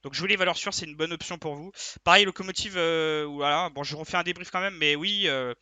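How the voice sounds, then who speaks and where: A young man runs through his betting tips in rapid, bright, slightly high speech. He gets hyped and urgent, hammering his picks again and again. The sound is dry and close, with no room around it. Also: no echo, muffled recording. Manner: hyped, urgent, repeats himself. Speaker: sports betting tipster. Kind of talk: casual betting tips monologue.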